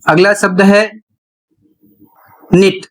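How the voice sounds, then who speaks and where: Slow, high-voiced male teacher. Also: flat delivery, rough recording. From India. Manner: deliberate, spells words out letter by letter. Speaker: English teacher. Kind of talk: slow classroom explanation.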